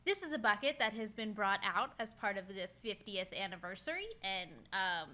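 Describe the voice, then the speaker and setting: A woman's voice: medium pitch, lively intonation, moderate pace, sharp tone. A woman co-hosting a casual chat show, talking loosely with lots of fillers and swearing. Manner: chatty, swears, many fillers. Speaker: podcast co-host.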